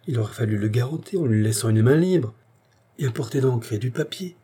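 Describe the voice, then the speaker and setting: A man's voice: mid-range voice, expressive, a little fast, dark tone, breathy edge. A man reading the part of a bitter, indignant young man accused by a police inspector, in a curt, logical manner.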